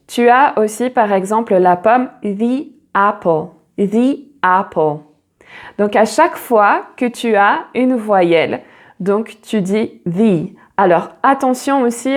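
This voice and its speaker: Woman, English teacher, online lesson; slow, patient, repeats words to model sounds. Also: on the high side, darkish tone.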